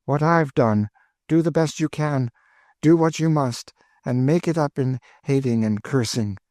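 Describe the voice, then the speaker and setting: A man's voice: mid-range voice, a little slow, darkish tone, no room sound, pitched above the performer's own voice, lightly acted. A man voicing a weary, despairing woman who speaks with dry bitterness. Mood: bitter.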